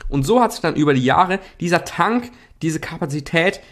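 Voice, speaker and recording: A young man with a slightly high voice talks casually through a self-help lesson as he sketches. He uses slang, repeats himself and drops fillers. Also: normal speed. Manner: relaxed, slangy, many fillers and repetitions. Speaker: self-help video host. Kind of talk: casual explanatory talk while drawing slides.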